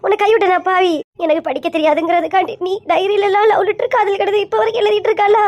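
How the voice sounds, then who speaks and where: A sobbing, betrayed village wife, played by a woman pours out her complaints in a wailing, scolding torrent. The voice sits very high and the words rush out fast. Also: steady tone, a little mellow, highs cut off. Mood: tearful, bitter. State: crying. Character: weeping middle-aged village wife, betrayed. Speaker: comedy skit performer.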